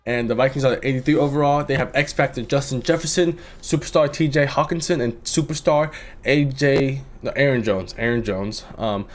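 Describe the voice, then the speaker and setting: A young man casually commentating a football video game simulation, laid-back and rambling, swearing freely, with sudden excited jumps. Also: mid-range voice, moderate pace. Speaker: gaming commentator.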